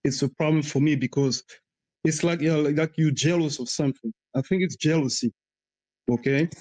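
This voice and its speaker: Fifty-something guy from ivory coast, blunt and argumentative, voice sits a bit high. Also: fairly even intonation, fairly quick, a little mellow, rough recording. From Ivory Coast, West Africa. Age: 50s. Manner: argumentative, blunt, slightly broken phrasing. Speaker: caller. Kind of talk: heated live audio chat.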